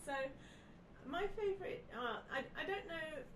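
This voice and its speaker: A woman with a very high, animated voice, snuffly from a head cold, chats casually at a moderate pace as a podcast guest, working from notes. The mic is distant, so the recording sounds echoey, with clear background noise.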